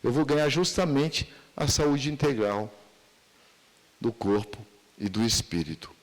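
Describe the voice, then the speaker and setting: A man's voice: medium pitch, lively intonation, a little slow, long reverb tail. A man with a Brazilian accent giving a spiritual lecture at a seminar, asking many rhetorical questions.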